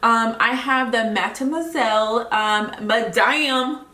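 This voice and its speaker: Her voice is a little high, bright, and forceful, though she takes her time. This Mexican-accented beauty vlogger chats casually through a makeup tutorial, often trailing off midway, captured by a distant mic in an echoey room with faint hiss.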